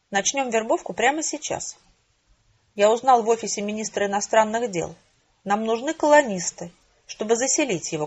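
A woman voicing a pompous, loud, hard-of-hearing male colonel in a storybook reading, with a husky voice and a bossy, jovial manner. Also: medium pitch, highs cut off, close to an everyday voice.

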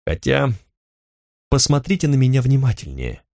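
A man's voice: mid-range voice, sing-song, vocal fry, a little mellow, no room sound, studio quality. A man voicing a reserved young man who speaks curtly and coldly, in a storybook reading. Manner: curt, cold, measured. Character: cold, reserved young man seeking answers.

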